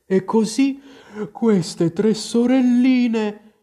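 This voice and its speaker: A man voicing a sleepy, grumpy male dormouse in a storybook reading, with a faint, hoarse, drawn-out voice. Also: very high voice, warm tone, pitched above the performer's own voice, full character voice. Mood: drowsy. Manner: drawn-out, drowsy speech.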